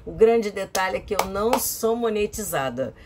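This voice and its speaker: A woman's voice: medium pitch, animated, moderate pace, noisy background. Chatty middle-aged Brazilian vlogger woman. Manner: chatty, emphatic, repeats phrases for effect. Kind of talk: casual vlog monologue.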